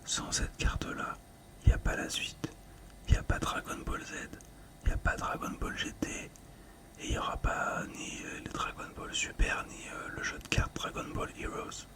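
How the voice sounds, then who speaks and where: An ASMR video creator, a man, whispers breathily as he gently describes things, taking his time and sounding slightly hesitant.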